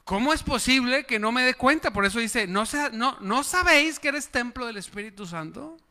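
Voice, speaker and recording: A man's voice: extremely high pitch, expressive, normal speed, bright, forceful tone, in a large hall. A man preaching a sermon as pastor, calling on the congregation to repeat words and applaud. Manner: preaching with call-and-response to the congregation.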